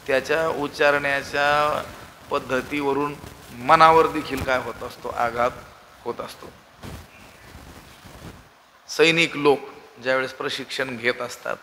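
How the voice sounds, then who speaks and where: A man giving a devotional sermon on scripture, asking the audience rhetorical questions and hitting key words with sudden loud emphasis. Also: a little high, in a large hall, a little hiss or hum, rough recording. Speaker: preacher.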